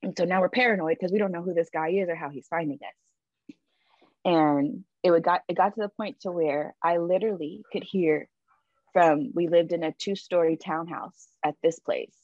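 A woman's voice: fairly low pitch, normal speed, a little mellow, no room sound. Candid woman telling a story, muffled audio. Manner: candid and emphatic, many "like" and "right?" asides. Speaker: podcast guest. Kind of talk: personal storytelling in conversation.

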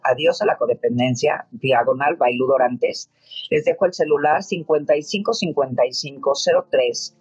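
Husky Mexican woman giving chatty advice. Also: low voice, a little mellow. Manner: chatty, rambling, frequent fillers. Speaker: codependency group leader. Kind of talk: casual advice talk. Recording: dull lo-fi audio with faint music.

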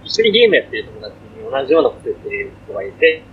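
Rambling young man, lively pitch. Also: very fast, phone-quality sound, slight background noise. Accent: Kansai. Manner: rambling, self-deprecating, slips into Kansai dialect. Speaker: podcast co-host. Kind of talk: casual chat on a livestream.

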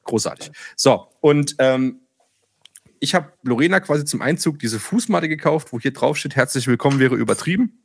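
A man in casual chat, telling lively stories, acting out dialogue and swearing freely. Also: mid-range voice, moderate pace, gravelly, husky. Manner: animated storyteller, acts out dialogue, swears casually.

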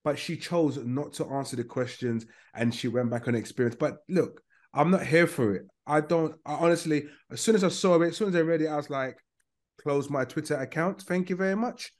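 A man's voice: a little high, a little fast, a little mellow. A man with a London accent in a heated podcast debate, blunt and dismissive, talking over the others.

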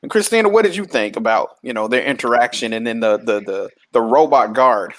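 A man's voice: medium pitch, fairly quick. A man hosting a stream, casually recapping an episode and acting out the characters' lines as he goes. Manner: animated retelling that acts out the characters' lines. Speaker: stream host.

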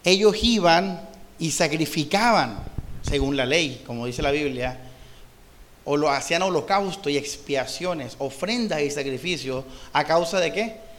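Man, Colombian accent, pastor, expository sermon, reads verses then explains them, question-and-answer preaching, higher-pitched. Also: animated, a bit bright, slight background noise. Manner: poses rhetorical questions and pauses for the answer.

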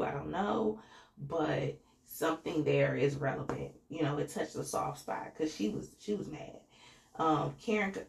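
Reviewing a reality show on her podcast, this woman talks in a slangy, chatty style packed with fillers. She has a low-pitched, creaky voice in a roomy-sounding space.

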